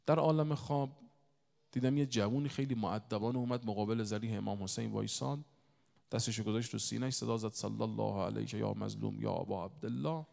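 A man preaching a religious sermon, reciting poetry and swelling from soft storytelling to loud emotional appeals. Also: lowish voice, steady tone, vocal fry. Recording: echoey hall reverb.

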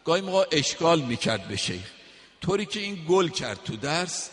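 A man's voice: fairly high pitch, sing-song, a bit bright, big-room sound. A man from Iran giving a sermon, telling stories in a conversational way and quoting verses. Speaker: preacher.

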